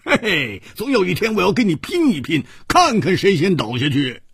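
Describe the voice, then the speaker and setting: A man's voice: fairly high pitch, very animated, moderate pace, breathy edge, no room sound, clean studio sound, pitched above the performer's own voice, exaggerated voice. A man playing a roaring drunken swordsman. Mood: jovial boasting. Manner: loud, laughing, bantering. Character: boisterous hard-drinking male swordsman, hearty. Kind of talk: radio storytelling.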